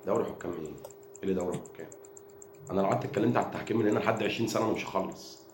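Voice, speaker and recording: A man with an Egyptian accent, ranting to camera as a football fan and mocking rival supporters. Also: on the low side. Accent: Egyptian Arabic. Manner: taunting, mocking rival fans; rapid, repetitive, animated delivery. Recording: echoey room with background noise.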